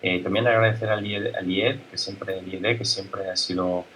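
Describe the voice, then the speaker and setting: An Italian man, a native Italian speaker, giving a conference talk as a guest speaker, halting, with many fillers and restarts. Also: deep voice, fairly even intonation, pushed and bright, a little hiss or hum, poor audio. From Italy.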